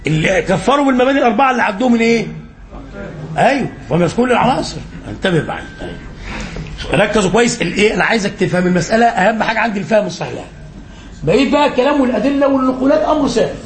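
Fast-talking Egyptian sheikh teaching. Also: male voice, high voice, expressive, vocal fry, a little hiss or hum. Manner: quizzing listeners and filling in answers; repeats phrases for emphasis. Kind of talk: Islamic lesson.

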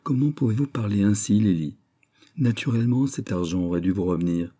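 A man's voice: on the low side, a little fast, dark tone, natural voice. A male reader voicing Gertie, an earnest, kindhearted young woman who worries and stumbles over her words. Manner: earnest, flustered.

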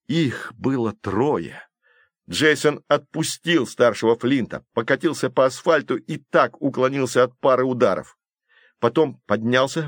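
A man narrating an audiobook in a steady, expressive reading. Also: mid-range voice, no echo, studio quality. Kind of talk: scripted narration.

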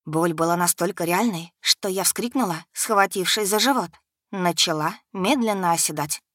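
Woman, low voice, dry close sound, dramatic first-person audiobook narration. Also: normal speed, a bit bright, dry recording. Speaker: audiobook reader.

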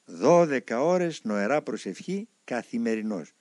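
A man reading a spiritual memoir aloud as narrator, with expressive storytelling. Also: medium pitch, no echo, studio quality.

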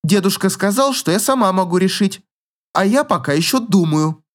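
A man voicing a huffy high-pitched young noblewoman. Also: moderate pace, natural voice. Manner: indignant, squealing protests. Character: haughty proud young noblewoman, quick to huff.

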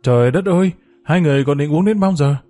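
A man's voice: medium pitch, brisk, dark tone, close to an everyday voice. A man voicing a sober, worried young male physician who firmly urges others to stop, in a storybook. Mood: concerned. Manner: firm, concerned.

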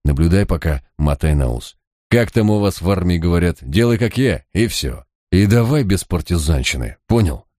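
A man's voice: sits low, lively intonation, normal speed, mellow, dry recording, studio quality. A man reading an audiobook voices a brash, sardonic police chief who gives curt, mocking orders in street slang. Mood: brusque, lecturing.

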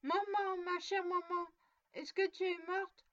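Storybook: a woman reads a frightened nine-year-old girl, tearful, high and pleading. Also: steady tone, a little slow. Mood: anguished. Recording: dull dry lo-fi recording.

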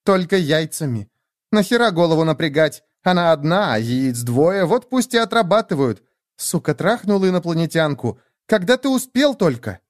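A man's voice: a little high, very animated, no room sound, clean studio sound, pitched above the performer's own voice. A man voicing a brash, nervous young woman who turns crude and angry, in a read-aloud story. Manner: mocking, crude, quick to anger.

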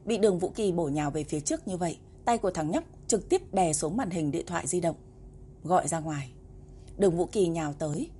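A woman narrating a novel as an audiobook in a steady, even storytelling manner. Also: on the low side, a little hiss or hum.

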